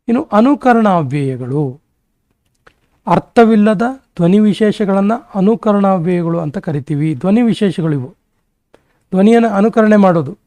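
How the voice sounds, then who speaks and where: A male exam-prep teacher giving a grammar lesson, briskly rattling off word lists. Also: sits high, mellow, no echo.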